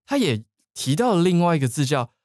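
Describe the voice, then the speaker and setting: A man hosts a bilingual English vocabulary lesson, his speech swinging up and down in pitch as he quizzes his co-host. The sound is close and dry, with no room around it. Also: fairly quick, no echo. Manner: lively, questioning, prompts co-host.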